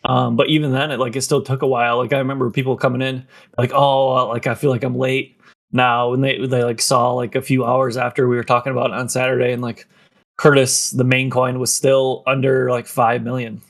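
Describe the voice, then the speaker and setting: The speaker is a man with a gravelly, medium-pitched voice, a level tone, and a brisk delivery. He rambles in a casual podcast, saying "like" and "um" constantly, and he's running out of breath.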